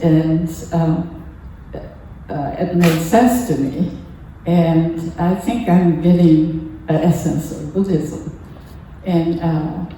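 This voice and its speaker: An older Japanese woman, a native speaker with a Japanese accent, gives a personal testimony to a congregation as a lay speaker during a temple service. Her lowish, warm voice is halting and earnest, often pausing mid-phrase. The recording is echoey, with a distant mic and faint noise.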